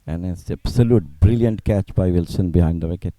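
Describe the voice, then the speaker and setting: A man's voice: deep voice, a little fast, dark tone, no echo. A man working as a cricket co-commentator, giving conversational expert analysis in emphatic, agreeable, simply phrased non-native English.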